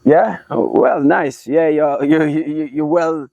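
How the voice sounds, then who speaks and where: A man's voice: a little high, fairly even intonation, unhurried, gravelly, mellow, dry recording, dull audio. A man hosting a podcast, asking his guest questions in a casual, encouraging way that often trips over his words. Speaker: podcast host. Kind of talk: casual interview chat.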